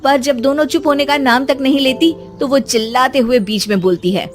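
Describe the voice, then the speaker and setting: A woman narrating a moral cartoon story in an even storytelling tone. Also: sits high, brisk, faint music behind.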